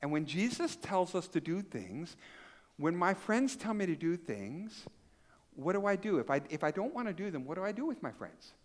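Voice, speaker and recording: A man's voice: high-pitched, normal speed. A man preaching to a congregation of children and adults, telling a story and asking the crowd questions. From Canada. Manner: animated storytelling, acts out voices and asks the crowd questions. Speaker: pastor.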